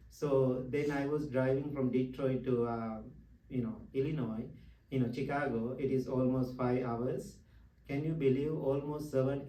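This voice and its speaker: A man's voice: mid-range voice, warm tone. A man, a Buddhist monk teacher, telling personal stories in a dharma talk with a chuckle and simple, broken English. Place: retreat meditation hall. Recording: roomy echo, distant mic, faint hiss.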